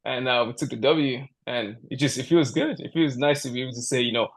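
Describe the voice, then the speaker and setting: This is a casual podcast interview with a Canadian powerlifter whose mid-range voice moves a little fast. He rambles, restarts himself, and frequently jokes and laughs.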